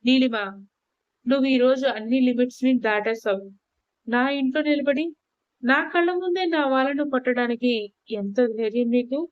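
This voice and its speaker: A woman's voice: a little high, unhurried, lo-fi sound, natural voice. A woman voicing a wealthy man who roars commands in fury. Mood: furious. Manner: roaring, commanding.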